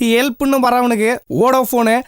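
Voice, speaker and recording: A man's voice: very high-pitched, little pitch movement, slow, smooth, no echo, clean studio sound. A man whining in self-pity in a comic radio ad monologue.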